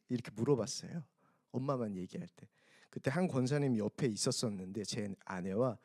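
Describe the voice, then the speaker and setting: 질문을 던지며 설교하는 남자 목사. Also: male voice, medium pitch, darkish tone, no room sound, clean studio sound. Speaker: pastor. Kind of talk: sermon. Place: large church hall.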